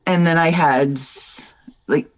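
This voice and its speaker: In a deep, steady voice and at a slow pace, this middle-aged woman, a wildlife artist from Northern Ontario, Canada, talks candidly as a podcast guest. She is earnest and reflective, tacking on "like" and "right?" again and again. There's no echo, but the highs are cut off.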